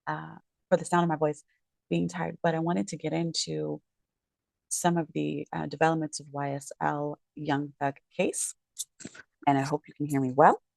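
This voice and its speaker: Her voice low, gravelly and darkish with a flat delivery at normal speed, a woman talks loosely about a court case late at night from her home, sounding tired and worn. She is a real estate agent and legal commentator who rambles, keeps correcting herself and apologizes, recorded with no echo.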